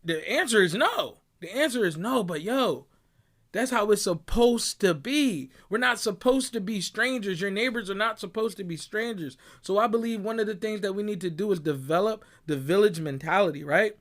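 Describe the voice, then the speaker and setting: A young man from Barbados gives a motivational monologue in a high, slightly bright voice at a moderate pace, speaking emphatically and preachily while sprinkling in "right?" and "bruh." It comes from an audio clip recording.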